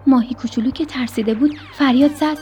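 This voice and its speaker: A woman narrating a children's story expressively, sometimes sinking to a whisper at tense moments. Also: high voice. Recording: soft music behind the voice.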